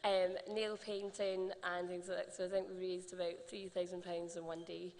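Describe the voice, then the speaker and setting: A woman with a slightly husky voice, chatting in a stage interview with lots of ums. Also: fairly low pitch, little pitch movement, normal speed, a little mellow. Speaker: festival contestant. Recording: echoey hall.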